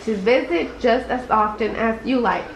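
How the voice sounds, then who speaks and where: A kind mother kangaroo from a storybook, performed by a woman reading aloud. The voice is high and motherly, in an echoey room with noticeable noise. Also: moderate pace, gravelly.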